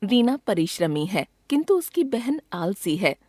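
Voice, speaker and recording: A woman reading a grammar textbook lesson aloud in a measured, even way, pausing clearly after each item. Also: mid-range voice, no echo, clean studio sound. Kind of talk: scripted lesson narration.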